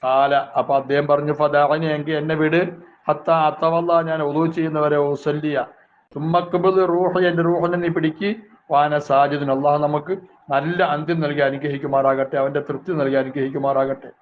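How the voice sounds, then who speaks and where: A religious teacher, going through Arabic phrases and explaining them in a measured voice. His voice sits a touch high for a man. The sound is narrow and phone-like, with a faint hiss underneath. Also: steady tone.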